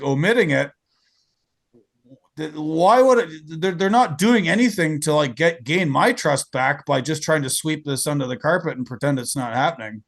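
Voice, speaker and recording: A man's voice: fairly high pitch, creaky, fairly bright tone. A man hosting a podcast, talking emphatically in casual conversation, often repeating words and saying "like". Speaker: podcast host.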